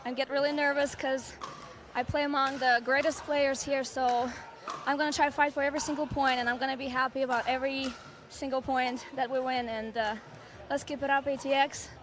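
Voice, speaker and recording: A hoarse woman player giving an excited post-match interview. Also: sits high, a little fast. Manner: excited, eager. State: hoarse, lost voice. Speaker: professional player. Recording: outdoor mic with clear background noise.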